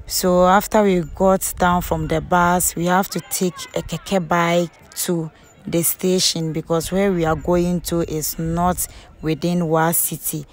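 Slow-talking woman vlogging on the road. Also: on the low side, level tone. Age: young adult. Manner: chatty, addresses viewers directly. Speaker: travel vlogger. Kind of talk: casual travel vlog. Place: outdoors on roads and in vehicles. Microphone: phone at arm's length. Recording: loud road and vehicle noise. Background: traffic and engine noise.

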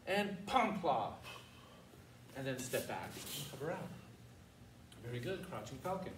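A high, somewhat bright voice comes from an older man leading karate drills, barking short commanding cues that his students echo back. Recorded by a far camera in a large indoor martial arts studio, the audio is roomy and distant, with faint noise.

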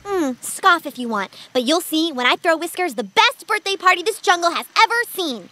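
A woman's voice: extremely high pitch, expressive, normal speed, background noise. A woman voicing a spoiled, vain teenage girl dog in a cartoon, with a bossy, sarcastic, theatrical manner. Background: cartoon music.

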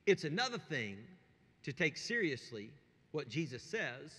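A male pastor preaching a sermon, conversational and checking in with the congregation, swinging from hushed asides to shouted emphasis. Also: on the high side, sing-song, unhurried, husky. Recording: long reverb of a large hall.

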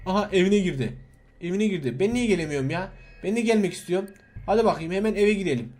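A young man giving excitable gameplay commentary, laughing and shouting in alarm as he talks to his viewers. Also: sits high, fast talker. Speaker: gaming YouTuber.

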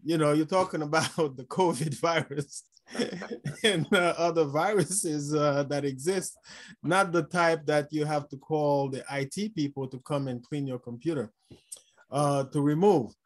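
A Haitian man in his 50s with a slightly high voice chats and laughs into a webcam while speaking as a panelist and chief medical officer at a video-call conference. Warm and chuckling, he talks unhurriedly with many fillers from an office with blinds and a glasses display.

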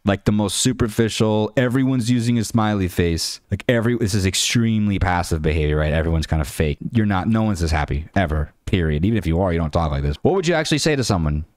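A man coaching on dating in a blunt, rambling monologue, his voice very low and his delivery rapid. He stumbles through restarts and fillers, recorded close and dry with no room sound. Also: expressive, darkish tone, no echo. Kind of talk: screen-share critique monologue.

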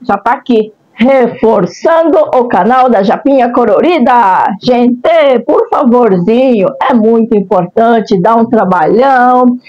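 Middle-aged Brazilian female vlogger, slightly high voice, cutesy anime-streamer delivery for product reviews, dull lo-fi audio. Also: slow. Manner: cutesy and playful, with sing-song catchphrases. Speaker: video channel host.

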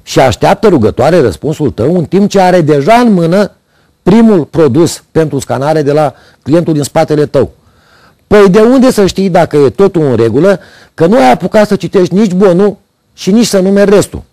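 A middle-aged TV commentary host, his voice fairly high and mellow with lively intonation, reads a scripted opinion segment at a studio desk. Speaking into a lapel mic, he airs ironic, sardonic complaints in a dry recording.

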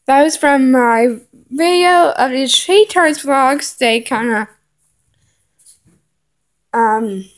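Walking through the rooms of a house with a handheld phone camera, a vlogger gives a casual home tour, naming items one by one. She has a high-pitched voice and speaks very slowly and haltingly, pausing often and filling gaps with "uh" and "um."

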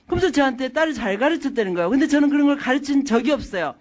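A middle-aged woman lecturing an audience through stories from her own family life. Her pitch swings widely as she talks. She tells each anecdote with animation and acts out the people in it. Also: racing. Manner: animated storytelling, acting out quotes.

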